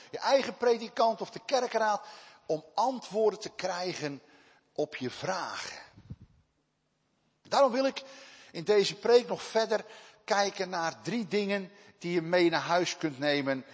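Male pastor, sermon, high animated husky voice, loud cries and soft asides, church reverb.

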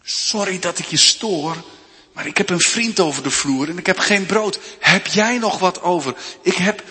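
A man's voice: high voice, normal speed, sharp tone, in a large hall, voice pushed up. A man playing a sheepish neighbor who apologizes and pleads for bread late at night. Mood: pleading.

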